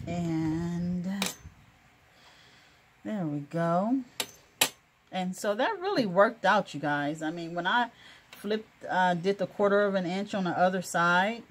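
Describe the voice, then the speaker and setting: Slow-talking woman chatting through a sewing tutorial. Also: fairly low pitch, lively intonation, slight background noise. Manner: chatty and encouraging, laughs often, many fillers. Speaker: crafting video host.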